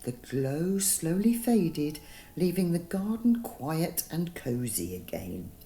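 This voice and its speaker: Here a woman's low, sing-song voice carries a soft bedtime tale for kids. She narrates slowly and calmly, pausing to stress individual words for dramatic effect.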